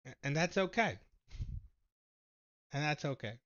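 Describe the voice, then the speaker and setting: A man hosts a casual stock market livestream, animated and laughing as he swings from low mumbles to loud exclamations. He speaks unhurriedly, and the sound is lo-fi.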